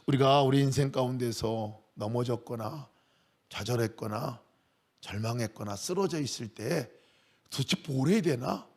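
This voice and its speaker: A middle-aged male pastor preaching a sermon, shifting between quiet explanation and loud, emphatic cries. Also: mid-range voice, moderate pace. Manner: emphatic, swings from quiet asides to raised cries.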